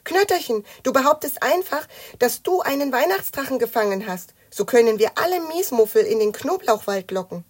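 Storybook kid: a high, urgent young boy read by a woman, a touch breathy. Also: very animated, unhurried, full character voice. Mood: eager.

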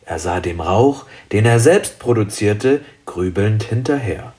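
A man narrating a children's story in a lively, expressive way. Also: fairly low pitch, unhurried.

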